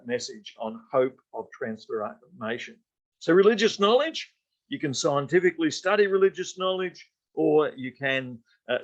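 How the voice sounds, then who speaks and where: A man's voice: medium pitch, lo-fi sound. Man lecturing with many fillers. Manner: unscripted, with frequent fillers and restarts. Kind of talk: college lecture.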